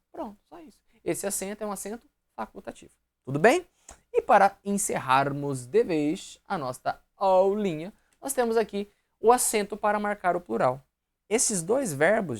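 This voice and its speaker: A man with a Brazilian Portuguese accent teaching an online grammar lesson, often checking in with the viewer and voicing imagined student questions. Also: fairly high pitch.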